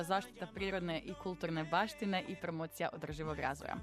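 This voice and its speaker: A woman hosting a radio interview, reading an introduction and then asking her guests short, simple questions. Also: lowish voice. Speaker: radio host.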